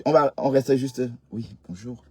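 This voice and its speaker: A man with a husky, breathy voice and an ordinary mid pitch talks casually to his live audience. He is emphatic, repeats his points and keeps asking whether everyone agrees. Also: measured pace, warm tone. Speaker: livestream host.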